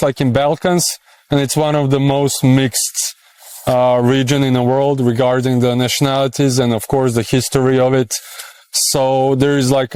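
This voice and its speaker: A Serbian-accented man in his thirties talks casually, pausing often and filling gaps as he thinks aloud. His voice is smooth and resonant at a middling pitch. The sound is dry and close. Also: a little mellow, no room sound. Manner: hesitant, many fillers, thinks aloud. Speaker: interviewee. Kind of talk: casual street interview.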